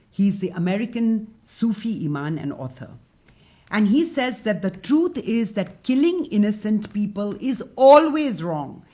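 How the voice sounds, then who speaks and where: A woman's voice: fairly low pitch, a little mellow. A woman speaking as a panelist in a casual talk show discussion.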